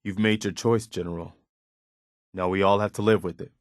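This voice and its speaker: A man acts out a video-game militia officer: earnest, loyal, principled, with firm morals and a sincere, plain manner. His fairly low voice is recorded close and dry, no echo, with fairly even intonation at normal speed, close to how he'd normally talk. The mood is resigned and doubtful.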